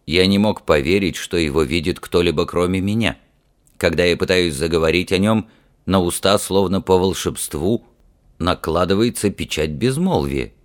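A man reading an audiobook, voicing a troubled young nobleman who speaks low and muted. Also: normal speed, natural voice.

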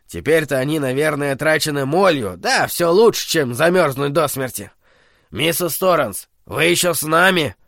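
A man voicing a steady, kindly hotel cook in his sixties who talks in a calm, practical, reassuring way, as part of an audiobook reading. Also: a little high, moderate pace, gravelly, no echo, clean studio sound.

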